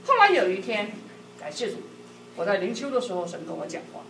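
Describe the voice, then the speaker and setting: A middle-aged woman giving a sermon-like talk on marriage to a church group, telling personal stories in a lively way with frequent laughter. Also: medium pitch, fast. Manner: lively, laughing often, acts out quotes. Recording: echoey hall, distant mic, background noise.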